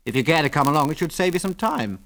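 A man's voice: a little high, lively intonation, quick pace, fairly bright tone, voice pushed up. A man voicing a confident male pilot in an audiobook, with clipped, decisive delivery. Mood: brisk. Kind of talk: audiobook character voice.

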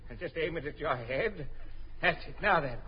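A shifty old military major acted by a man in a 1950s radio comedy. He blusters and wails in a high voice, repeating himself. The recording is old and muffled, with faint noise. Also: animated, normal speed, close to an everyday voice. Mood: sly.

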